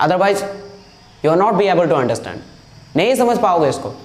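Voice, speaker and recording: A man's voice: high-pitched, big pitch swings, slow pace, roomy sound. A man teaching an English grammar lesson, repeating words over and over for students to copy and scolding those who don't follow along. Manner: drills pronunciation by repeating words, mixes English into talk. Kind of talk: classroom lecture on video.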